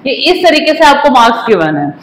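A woman's voice: sits high, very animated, fast. A woman in her forties explaining a maths lesson at a whiteboard, mixing in English phrases and addressing students politely. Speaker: commerce teacher. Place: classroom in front of a whiteboard. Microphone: lapel mic. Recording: echoey classroom.

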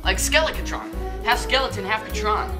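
Teen guy acting exasperated kid, talks fast, lively, echoey house, homemade sketch. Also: high voice. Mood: puzzled. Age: teenager. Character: exasperated, sensible teenage boy. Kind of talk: amateur comedy sketch acting. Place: rooms of a house. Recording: roomy home camcorder audio, loud music.

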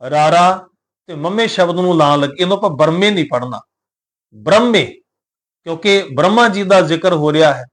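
A man with a high voice teaches scripture recitation, drawing out each verse line in a slow chant. Between the lines he speaks calmly and plainly, spelling out letters, pauses and meanings for his listeners. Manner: calm, explanatory, spells out pronunciation. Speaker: Gurbani teacher.

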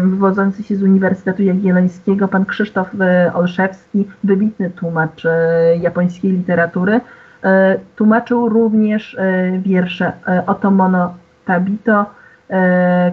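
A woman giving an online lecture, explaining patiently to her listeners and hesitating often with fillers. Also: medium pitch. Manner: explains to the audience formally. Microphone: video call. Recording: tinny phone-like online call audio.

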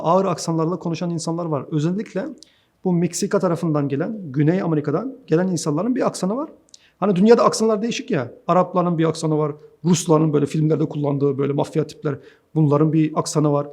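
A man with a fairly high voice talks straight to his viewers, calling them friends. He is an IT course instructor, animated and a bit preachy, and he fires off rhetorical questions in a loose, chatty way. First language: Turkish. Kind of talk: direct-to-camera advice talk.

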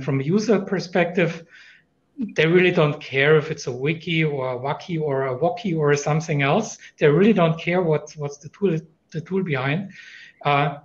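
A man's voice: a little high, muffled recording. A man with a German accent speaking as a panelist in a conference discussion over a video call, thoughtful, with many fillers and restarts.

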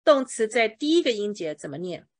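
A woman English teacher leads a pronunciation lesson. Her voice is animated, swinging widely in pitch as she patiently explains with everyday examples and has her student repeat words. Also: fairly quick.

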